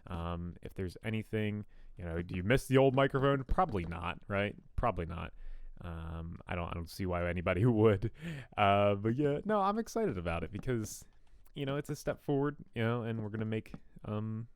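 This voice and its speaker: Recorded dry and at studio quality on a new condenser mic, this deep-voiced young YouTuber chats casually as he builds in a game. His radio-style voice is smooth and animated at a moderate pace, though he rambles, jokes at his own expense, and keeps saying um and starting over.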